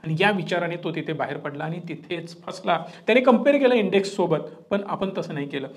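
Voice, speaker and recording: Male trading educator from Maharashtra, higher-pitched, emphatic and lecturing, speaking straight to viewers. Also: expressive, a little fast. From Maharashtra, India. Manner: emphatic, lecturing, mixes English terms. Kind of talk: direct-to-camera trading talk.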